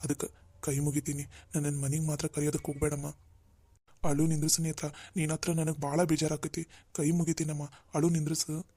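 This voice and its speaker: A man voicing a humbled, jobless older brother in a cartoon drama, speaking gently. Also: on the high side, little pitch movement, brisk, no room sound, lightly acted. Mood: pleading. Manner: gentle, pleading, dialect-heavy.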